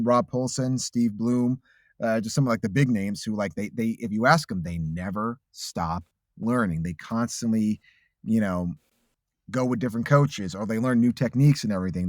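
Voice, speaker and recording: Speaking at a normal pace with a somewhat low voice, this late-thirties voice actor recounts his story during a casual interview. He comes across as earnest and reflective, frequently starting sentences over, and the studio recording is clean with no room sound.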